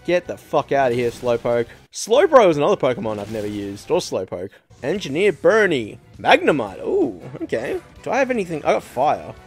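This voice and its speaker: A man hosting his own gaming channel, chatting casually over gameplay with lots of swearing. His voice is lively and leaps up in pitch when something happens. Faint music plays under him. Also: normal speed, vocal fry, few pauses, breathy edge. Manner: profane, excitable, swings to loud outbursts. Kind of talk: casual let's play commentary.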